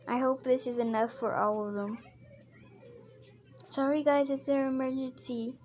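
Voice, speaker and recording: A woman's voice: sits high, level tone, measured pace, a little mellow, a little hiss or hum. A woman playing a mother in a casual game role-play, chatting and stopping to narrate what her character does.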